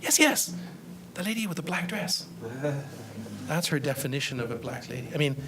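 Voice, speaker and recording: A man's voice: fairly high pitch, very animated, moderate pace, a crowd in the background. A middle-aged man answering a student's question after a lecture, thoughtful and hesitant, with fillers and restarts. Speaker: guest lecturer. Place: lecture room.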